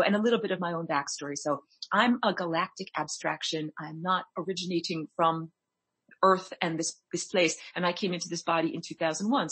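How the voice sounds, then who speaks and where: A woman's voice: lowish voice, slightly rough, dry recording. A woman speaking as a talk show guest, explaining her ideas in an earnest, conversational way.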